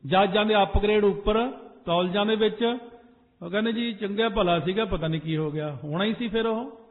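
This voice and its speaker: High-voiced Sikh preacher in an echoey hall. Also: male voice, normal speed. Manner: preaching in a sing-song cadence, rising to urgent emphasis. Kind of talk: sermon with sung phrases. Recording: echoey hall over a tinny phone-like line.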